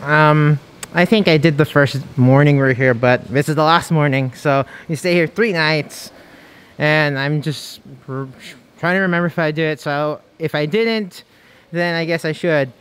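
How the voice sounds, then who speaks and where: A man's voice: a little high, fairly even intonation, normal speed, a bit bright, clean tone. A man vlogging casually to camera outdoors at a beachfront table, chatty and playful, thinking aloud as he reviews food. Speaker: travel vlogger.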